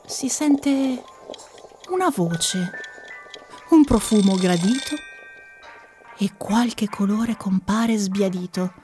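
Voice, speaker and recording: A woman narrating a rhymed children's story in a gentle, sing-song delivery. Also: medium pitch, expressive, takes it slowly, pauses often, soft background music.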